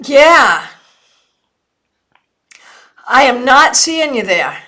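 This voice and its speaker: Woman, high voice, hiccuping, chatty live-stream tarot host who keeps saying sorry. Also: a bit bright. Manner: apologetic, chatty, quick answers to viewers. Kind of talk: casual live-stream readings.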